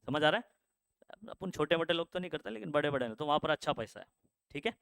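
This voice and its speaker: Talking fast and animatedly, a young male teacher gives a casual career guidance lecture, full of fillers and frequent questions to make sure the class follows. His voice is a little high, gravelly and slightly bright, yet clear and resonant. No room sound is present.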